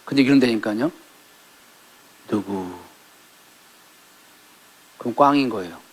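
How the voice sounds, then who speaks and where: A middle-aged male pastor preaching a sermon in a church, acting out quoted lines and rising to loud peaks. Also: on the low side, takes it slowly, breathy edge. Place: church sanctuary.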